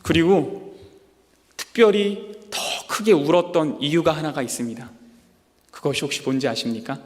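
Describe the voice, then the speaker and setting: Male pastor, high voice, animated sermon delivery, voice ringing through a reverberant sanctuary. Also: moderate pace. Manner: animated preaching, acting out God's words with rising pitch. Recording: long hall reverb.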